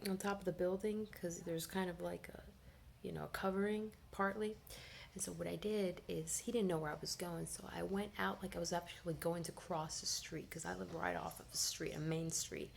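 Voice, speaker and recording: A woman's voice: moderate pace, gravelly, a little hiss or hum. A young woman in her twenties telling a personal story in a casual, rambling way, often dropping into a whisper and filling gaps with "you know". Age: 20s. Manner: animated, rambling, frequent fillers like "you know"; drops often into a low whisper. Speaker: vlogger.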